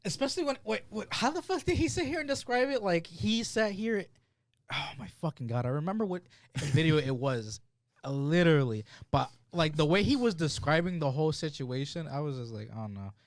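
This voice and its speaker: A man's voice: fairly high pitch, fairly quick, no room sound, studio quality. A man co-hosting a podcast in casual chat, telling stories animatedly and swearing heavily. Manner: heavy swearing, animated storytelling. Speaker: podcast co-host.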